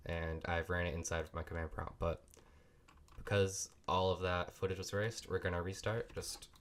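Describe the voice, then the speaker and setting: Recorded at a home computer desk with slight background noise, a sick-sounding man hosts a coding tutorial. His voice sits low and a bit bright, and he stays casual and apologetic, talking his way through each click.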